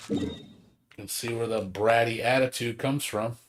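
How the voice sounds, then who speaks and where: A man's voice: mid-range voice, steady tone, measured pace, background noise. A man streaming a game, ranting casually and profanely, rambling with lots of fillers. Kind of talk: casual chat while gaming.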